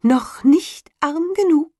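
A woman voicing a vengeful little male sparrow that taunts slowly in a high voice. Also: a little mellow, dry recording, studio quality. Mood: taunting. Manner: high, slow, mocking.

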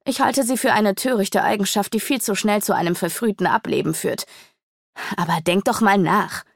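A woman's voice: mid-range voice, moderate pace, gravelly, no echo, clean studio sound. A woman reading a sly, sneering male demon magician in an audiobook. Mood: mocking.

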